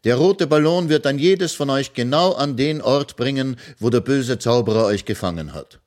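A proud, eager little boy hero, pitched well up above a man's own voice, as a male storyteller puts him on. He speaks with a bright, raised storybook lilt. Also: expressive, normal speed, lightly acted.

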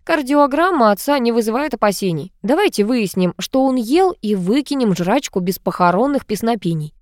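A woman voicing a stern grown son who calmly accuses his wife, cool and cutting in manner. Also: extremely high pitch, normal speed, no room sound, studio quality, voice pushed up. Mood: explaining.

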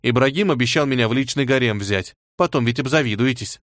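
A man's voice: medium pitch, a little fast, a bit bright, dry recording, studio quality, natural voice. A man reading an audiobook and voicing a smug, mocking plump teenage girl. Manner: mocking, giggly.

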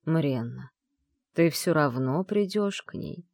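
A woman reading an audiobook, voicing a calm young man who speaks quietly and insistently. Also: deep voice, slow, no room sound, studio quality, heavily acted. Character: calm persuasive young male lord.

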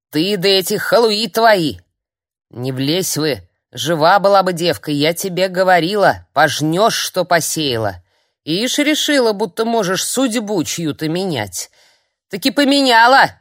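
A woman reading an audiobook, voicing a cantankerous, half-blind old hag who scolds and jeers in a high, strained voice. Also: no echo, clean studio sound. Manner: shrill, scolding, drawn-out jeers.

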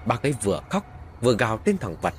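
A man's voice: medium pitch, very animated, quick pace, soft background music. A man narrating a first-person horror story in a dramatic storytelling manner.

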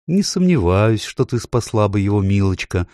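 A man voicing a gentle, motherly female beaver in an audiobook, speaking in a soothing, sympathetic way. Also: fairly low pitch, sing-song, moderate pace, no echo, studio quality. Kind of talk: audiobook character voice.

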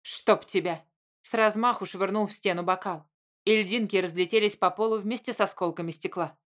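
In a mid-range voice, a woman narrates a novel for an audiobook. She keeps a steady, even storytelling pace throughout the scripted reading.

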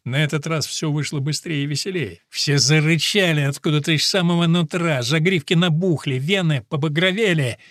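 A man's voice: on the high side, normal speed, few pauses, fairly bright tone, no echo, studio quality. A man narrating an audiobook in first person, telling it vividly and acting out other voices. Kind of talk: expressive audiobook reading.

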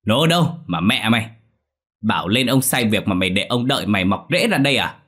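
A man's voice: on the low side, very animated, brisk, breathy edge, heavily acted. A man voicing a bellowing cruel old landlord. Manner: shouting, domineering.

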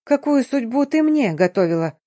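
A woman voicing a cold, vengeful young heroine who speaks low, clipped and menacing in an audiobook. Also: very animated, normal speed, dark tone, no echo, studio quality. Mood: quiet bitter. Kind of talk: audiobook character voice.

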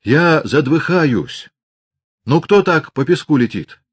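A man's voice: on the low side, very animated, moderate pace, breathy edge, dry recording. A man reading an audiobook and voicing a passionate, impatient young peasant woman who speaks urgently and sharply.

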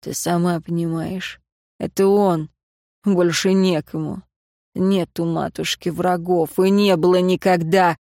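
Женщина изображает озлобленного юношу, тихо и холодно. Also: female voice, fairly low pitch, steady tone, measured pace, dry recording, studio quality. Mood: bitter quiet. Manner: quiet, cold, contemptuous. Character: embittered young man, grieving and vengeful.

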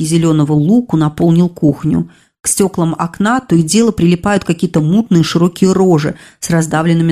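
A woman reading an audiobook as narrator, measured and expressive. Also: sits low. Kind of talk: scripted narration.

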